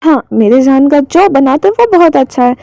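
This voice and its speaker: A woman's voice: animated, moderate pace, creaky, dark tone, no echo. A woman voicing a tearful young girl who clings to her older brother in a read-aloud fan story. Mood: eager. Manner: pleading, high and strained.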